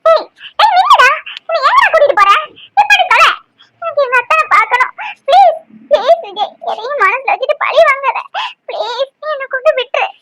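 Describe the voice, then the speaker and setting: A woman's voice: very high voice, animated, fairly quick, heavy background noise. A woman voicing a young newly married woman in a cartoon, frantic and tearful, pleading and scolding by turns. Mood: panicked.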